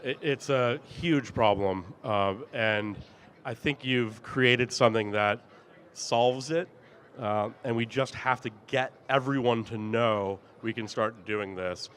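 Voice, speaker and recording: A man hosts a business interview and talks with eager enthusiasm. His questions are scattered with ums and restarts. His voice sits at a mid pitch. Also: slow pace, fairly bright tone. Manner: enthusiastic, filler-heavy with many ums. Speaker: interview host, company CEO. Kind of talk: conversational interview.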